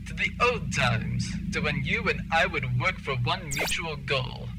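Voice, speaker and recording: A man playing an impatient, scheming rival space major in a sci-fi comedy audio drama, blustering and easily exasperated, over loud backing sound. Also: a little high, measured pace, close to an everyday voice. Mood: nostalgic.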